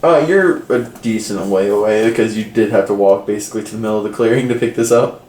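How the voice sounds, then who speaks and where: A man's voice: fairly low pitch, quick pace, darkish tone. A man running a tabletop game as game master, narrating casually with fillers. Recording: roomy echo, faint background noise.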